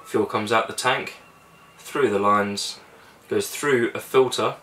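A young sailing vlogger in a small cabin casually walks through boat engine checks step by step, speaking slowly in a lowish voice. He's relaxed and practical, using fillers, and the recording is distant with a little hiss or hum.

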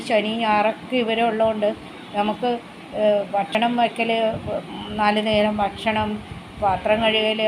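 High-voiced chatty woman vlogging at home. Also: noisy background. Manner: chatty, talks to viewers and coaxes her dog. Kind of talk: casual home vlog chat. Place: family home indoors. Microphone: phone camera.

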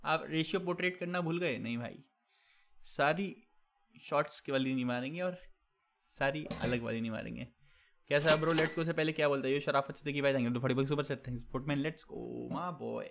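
Young man, game streamer, slightly high voice, teasing chat banter, English catchphrases mixed in. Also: a little fast, background noise. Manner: teasing banter while reading chat aloud; mixes English catchphrases into Hindi. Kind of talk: casual live-stream chat.

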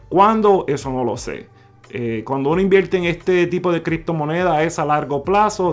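Guy, kinda high voice, walking viewers thru crypto numbers, faint music under it. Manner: addresses viewers as "mi gente", repeats numbers slowly. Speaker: crypto video host. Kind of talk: screen-share explainer talk. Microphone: voice-over on screen recording.

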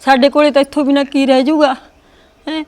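A woman's voice: high-pitched, flat delivery, fast, darkish tone, natural voice. A woman playing a tearful, anxious mother. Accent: Punjabi. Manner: pleading, tearful. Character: worried mother sending her son abroad.

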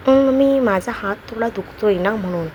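A woman's voice: on the high side, normal speed, a little hiss or hum, lightly acted. A woman voicing a playful young bride who is shy and chatty. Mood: playful bashful. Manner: talks excitedly, bashful.

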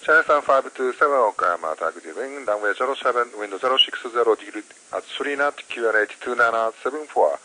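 A man's voice: mid-range voice, animated, very fast, few pauses. A man with a Japanese accent working as an air traffic controller, giving clipped, formulaic instructions over aviation radio. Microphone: radio transmitter picked up on a receiver. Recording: radio transmission with light noise and clicks.

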